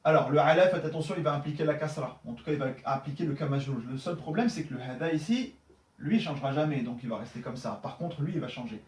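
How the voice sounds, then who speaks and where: A man with a slightly high, somewhat mellow voice teaches at a quick pace and with expressive delivery, the mic distant and the room echoey. Speaking French, he explains Arabic grammar by correcting exercises step by step, filling his speech with fillers and often checking understanding.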